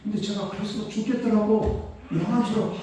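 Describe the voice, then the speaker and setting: An older male pastor preaching a sermon, telling a personal story with emotion, swinging from hushed tones to loud exclamations. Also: high voice, steady tone, normal speed, slight background noise. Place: church sanctuary. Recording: echoey church hall, mic at a distance.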